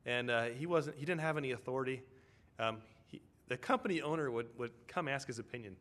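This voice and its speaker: Man of medium pitch preaching casually, telling stories and checking in with the congregation. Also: fairly quick, fairly bright tone. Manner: storytelling, with tag questions to the congregation. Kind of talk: conversational sermon.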